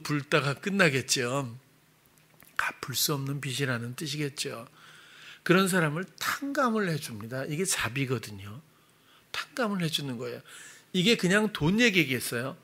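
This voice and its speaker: A middle-aged male pastor preaches in an easy, conversational way, stopping to work out sums aloud and correct himself. His voice sits somewhat high with a bright, forceful edge. On key points he grows louder and higher, then falls back to a soft, quiet delivery. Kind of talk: sermon.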